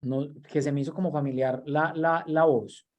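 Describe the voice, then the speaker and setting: A man's voice: fairly high pitch, steady tone, normal speed, highs cut off. A man, giving an online training lecture over a video call. He talks in a conversational way and often repeats words while he looks for the next one. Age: 30s. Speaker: university lecturer and workshop trainer.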